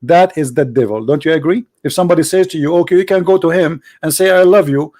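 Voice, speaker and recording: A man's voice: a little high, fast, a little mellow, dry recording. Insistent, argumentative male radio host. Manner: argumentative, insistent, repeats phrases. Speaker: call-in show host. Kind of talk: live call-in religious debate.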